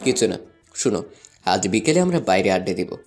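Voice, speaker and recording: A man's voice: lowish voice, very animated, a little fast, darkish tone, faint music behind. A young man narrating a first-person love story and voicing a playful, teasing student in an audio drama. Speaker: narrator and lead voice actor.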